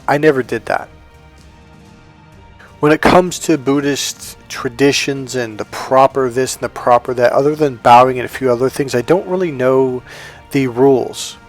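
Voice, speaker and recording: This middle-aged Californian talks at a moderate pace in a mid-range voice while faint music plays. As a dating coach, he tells his personal history in a relaxed, rambling way, speaking right to the viewer.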